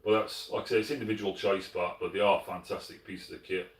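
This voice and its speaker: A middle-aged man with a Sheffield Yorkshire accent, casually answering live chat as host, relaxed and full of fillers and restarts. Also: low-pitched, fast, distant mic. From Sheffield, England. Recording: roomy, from off the mic.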